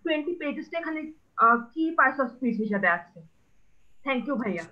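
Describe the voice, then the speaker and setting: A woman's voice: sits high, lively intonation, a little fast, muffled recording. A woman student asking her teacher grammar questions politely during an online class. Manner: polite, addresses teacher as brother. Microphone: video call.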